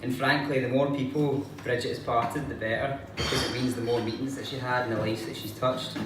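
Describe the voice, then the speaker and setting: Young male eulogist, solemn, earnest reading, medium pitch, recorded far from the mic in a reverberant space. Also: steady tone, a little fast. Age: young adult. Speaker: grandson giving a eulogy. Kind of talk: eulogy read to a gathering. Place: large echoey room before an audience. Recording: echoey, distant, noisy room recording.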